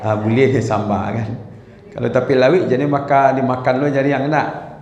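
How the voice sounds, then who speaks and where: A man's voice: mid-range voice, level tone, normal speed, darkish tone, dull audio. A man giving an informal Quran lesson, talking conversationally, checking in with listeners and chanting short verses as examples. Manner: conversational, asks the audience "ya kan?" often. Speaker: Quran study teacher. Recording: roomy hall echo.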